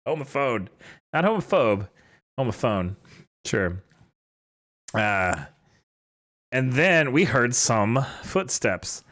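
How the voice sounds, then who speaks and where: A man's voice: medium pitch, expressive, slow, pauses often, fairly bright tone. A man reading bad fan fiction aloud for laughs, breaking off for mocking, sarcastic asides. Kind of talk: comedic dramatic reading with commentary.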